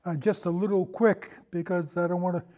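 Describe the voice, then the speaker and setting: Speaking briskly in a high, mellow voice with little pitch movement, an older man reminisces in casual conversation. He's hesitant and keeps straying into digressions. He appears as a guest and is an amateur historian and old time radio podcaster.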